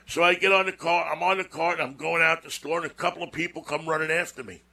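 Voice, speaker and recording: A man's voice: a little high, fairly even intonation, fast talker, creaky, sharp tone. A man hosting a show, telling a personal story in a casual, rambling monologue with folksy asides and repeated words. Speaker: show host.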